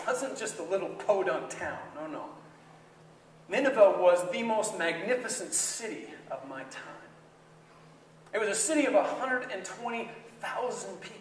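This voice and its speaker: A man playing the prophet Jonah in a comic first-person monologue, swinging from hushed asides to indignant shouting. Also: high-pitched, slight background noise. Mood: storytelling. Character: resentful, self-righteous male prophet Jonah. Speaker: solo stage performer. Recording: echoey hall picked up from far off.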